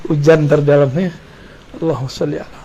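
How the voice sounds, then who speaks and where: An Indonesian man preaching in a relaxed, conversational style, reciting Arabic phrases and joking with his listeners. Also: fairly high pitch, unhurried, creaky, background noise. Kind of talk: religious study lecture.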